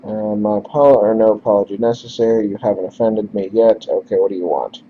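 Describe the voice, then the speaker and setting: A man's voice: fairly low pitch, a little fast. A man narrating a game he plays, reading its text with sarcastic, offhand asides, in a dull lo-fi recording with faint hiss. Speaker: let's play narrator. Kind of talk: casual game commentary and reading.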